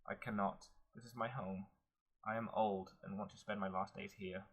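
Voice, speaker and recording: A man reading the lines of a frail old mother saying goodbye to her son, in a soft, tearful manner with a low husky voice. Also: steady tone, normal speed. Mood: sad, resigned. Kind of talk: audiobook narration.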